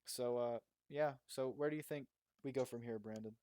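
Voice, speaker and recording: A man's voice: medium pitch, moderate pace, dark tone, dry recording. Rambling young man, dry close sound. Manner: rambling, swears freely, many fillers. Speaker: podcast co-host. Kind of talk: casual wrestling review chat. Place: makeshift home recording spot.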